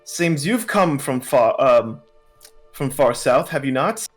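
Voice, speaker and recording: A man's voice: mid-range voice, animated, soft background music, voice pushed up. A man voicing a pompous, scheming male noble trader in a tabletop game. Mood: smug. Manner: haughty, drawn-out speech.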